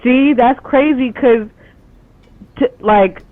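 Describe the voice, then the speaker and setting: A woman's voice: high-pitched, slow pace. A woman from Ethiopia, a guest in casual conversation, rambling with lots of "like" and "you know" and casual swearing. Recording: tinny, dry phone-like line.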